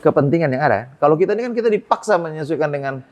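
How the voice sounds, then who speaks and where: A man's voice: animated, rapid-fire, darkish tone, lo-fi sound. Hesitant man rising to emphatic points. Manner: many hesitations, rises in pitch when making a point. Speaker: port business guest. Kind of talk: interview answers.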